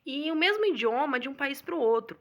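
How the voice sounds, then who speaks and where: Bright-voiced Brazilian woman teaching. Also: sits high, animated, brisk. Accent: Brazilian Portuguese. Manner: didactic, keeps addressing viewers with tag questions. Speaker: English teacher. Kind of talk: online video lesson.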